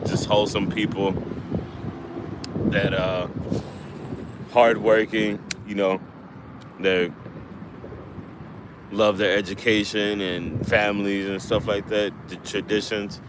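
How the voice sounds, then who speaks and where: A man chatting casually on a live stream while fishing outdoors, rambling with lots of fillers and restarts. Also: lowish voice. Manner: rambling, laid-back, many fillers and restarts. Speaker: livestreaming angler. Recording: wind noise on the mic outdoors.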